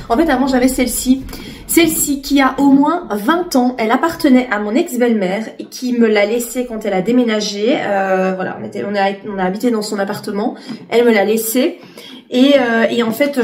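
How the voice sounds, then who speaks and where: A woman's voice: fairly high pitch, darkish tone, roomy sound, a little hiss or hum. A woman in her late thirties chatting casually in a vlog, with lots of fillers and restarts. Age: 30s. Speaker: vlogger. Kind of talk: casual chat.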